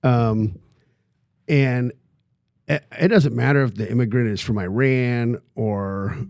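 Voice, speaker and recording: A man hosts a casual interview podcast and teases his guest with joking questions. His voice sits at a middle pitch. The sound is dry, with no room echo. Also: slow pace, gravelly, a little mellow. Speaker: podcast host.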